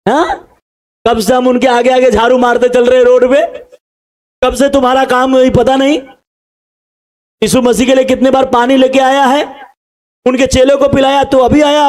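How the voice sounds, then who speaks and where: High-voiced man preaching with animation. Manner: animated preaching, calls out to the congregation and acts out the crowd. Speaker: pastor. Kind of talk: sermon.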